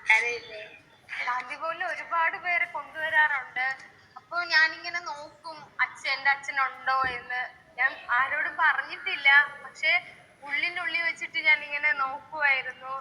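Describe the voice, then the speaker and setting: A young woman being interviewed, speaking softly and consolingly, with hesitant pauses. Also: high voice, steady tone, in a large hall, poor audio. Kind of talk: emotional interview.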